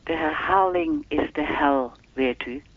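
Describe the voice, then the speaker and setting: This low-pitched actress plays a telephone time announcer, a lonely female speaking clock that dodges questions and has its own will. Her measured, deadpan, formal lines carry a lonely, resigned mood as routine announcements slip into dialogue, all through a tinny phone-line sound with no echo.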